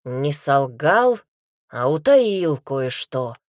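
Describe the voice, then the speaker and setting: A woman reading a soft-spoken gentle husband. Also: on the low side, animated, measured pace, no echo, clean studio sound. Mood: evasive. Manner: soft, gentle, mumbling when cornered. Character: calm gentle husband, a nobleman.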